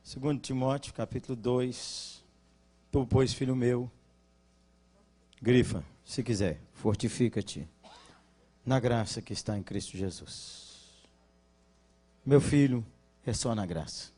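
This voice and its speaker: A man with a Brazilian Portuguese accent preaching at a conference, joking with the congregation and asking them to respond, then dropping into quiet, earnest teaching. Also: mid-range voice, takes it slowly, pauses often. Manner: swings from loud jokes to quiet earnest teaching. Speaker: pastor. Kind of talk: conference sermon.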